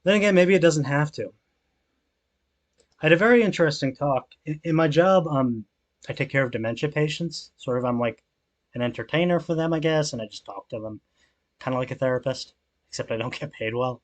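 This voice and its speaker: A man's voice: fairly high pitch, fairly quick. A young man chatting casually while streaming a game, rambling with lots of fillers and swearing, and reading out and answering viewer messages. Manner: reads chat aloud and answers it. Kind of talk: relaxed gameplay stream chat.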